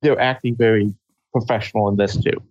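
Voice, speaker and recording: A man co-hosting a casual film discussion, rambling with halting restarts, on a dull lo-fi recording. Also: on the low side, steady tone, no room sound.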